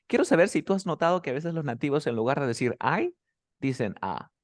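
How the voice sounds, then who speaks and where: A man teaching an English pronunciation lesson one on one. He quizzes his student and repeats example sentences slowly to model stress. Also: on the high side, lively intonation, no echo. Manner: quizzes the student with quick questions.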